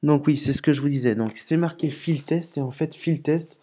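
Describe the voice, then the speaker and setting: Mellow-voiced man explaining his case openings. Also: fairly high pitch, moderate pace, slight background noise. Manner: explains terms patiently, curses softly at his own slips and apologizes; hesitant, with frequent "euh" and restarts. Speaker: gaming video host. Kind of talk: casual commentary while opening game cases.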